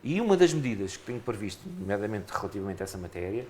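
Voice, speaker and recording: A man's voice: on the low side, big pitch swings, racing, a little mellow, slight background noise. A man with a European Portuguese accent, a candidate in a local election, answering radio interview questions earnestly and often restarting his phrases.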